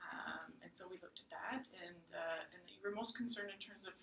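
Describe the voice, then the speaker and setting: A woman counselor with a bright, forceful tone speaks gently and reflectively, padding her summaries with frequent ums. She sounds set back from the mic in an echoey room, with a faint hiss under her voice. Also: on the low side, brisk, gravelly, far from the mic. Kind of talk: practice counseling session.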